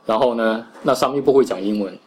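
A Buddhist monk gives a Dharma lecture. He recites each passage slowly, then explains it, with many "ah" fillers. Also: mid-range voice, darkish tone, slight background noise, low-quality recording. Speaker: Buddhist monk teaching scripture.

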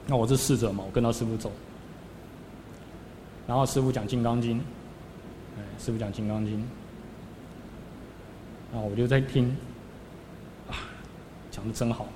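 A man, a Buddhist monk, giving a storytelling sermon, acting out scenes with sudden rises and drops in his voice. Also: mid-range voice. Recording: long hall reverb with faint background noise.

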